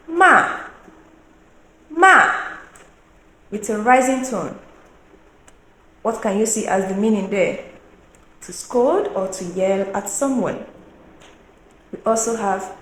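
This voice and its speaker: A woman teaching a Mandarin lesson, explaining slowly and deliberately, asking the viewer questions and singing out tone examples at a higher pitch. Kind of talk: online language lesson. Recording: roomy echo with faint background noise.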